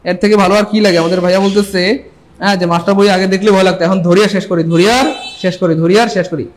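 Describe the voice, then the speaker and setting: A male English grammar teacher giving a live online class, animated and joking, and urging viewers to comment. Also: high voice, very fast, a little hiss or hum.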